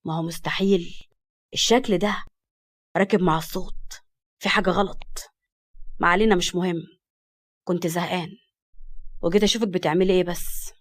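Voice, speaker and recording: A woman voicing a smitten, playful young man with an Egyptian accent, speaking softly. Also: lowish voice, steady tone, brisk, pauses often, pitched below the performer's own voice, lightly acted.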